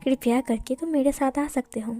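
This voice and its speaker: A woman's voice: high voice, moderate pace, dark tone. A woman voicing a grumpy, sarcastic young husband and father in a fan fiction story. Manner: curt, sarcastic.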